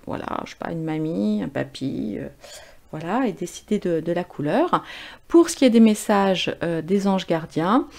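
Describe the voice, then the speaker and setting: A woman hosts a relaxed spiritual card reading and talks straight to her viewers. Her voice is warm and dark with a gravelly fry, and her speech is informal, with fillers and corrections along the way. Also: mid-range voice. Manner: chatty and informal, with frequent fillers and self-corrections. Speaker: tarot and oracle card reader.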